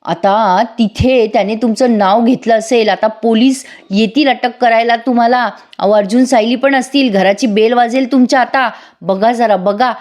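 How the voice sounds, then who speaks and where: A woman's voice: fairly high pitch, fairly even intonation, normal speed, few pauses, a little mellow, close to an everyday voice. A woman voicing a panicky, sarcastic young schemer arguing on the phone, in a spoken serial recap. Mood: anxious, sarcastic.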